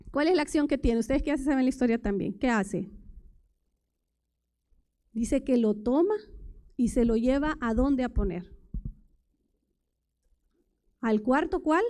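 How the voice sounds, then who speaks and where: A lay preacher delivers a sermon at a church service, her voice pitched high and warm. She speaks conversationally and poses many rhetorical questions to the congregation.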